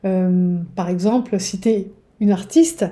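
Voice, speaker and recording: Slowly and warmly, a woman with a mid-range voice talks through a relaxed lesson as a spiritual relationship coach. Chatty and prone to digressions and restarts, she frequently checks in with her audience.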